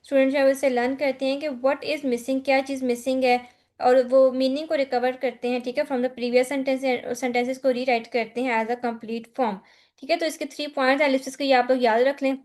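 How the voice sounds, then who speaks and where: A woman's voice: high voice, level tone, normal speed, a little mellow. A woman from Pakistan with a Pakistani accent, teaching an exam-focused lecture, reading points aloud and then explaining them with frequent check-ins. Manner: mixes Hindi-Urdu with English terms, reads slide points then explains them. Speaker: online course tutor.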